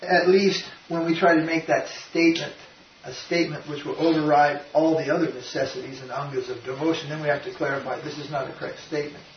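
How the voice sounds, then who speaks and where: Older spiritual teacher in a roomy hall. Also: male voice, a little high, fairly even intonation, quick pace. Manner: rambling and emphatic, with frequent restarts. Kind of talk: informal devotional talk. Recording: roomy, distant, dull lo-fi sound with faint noise.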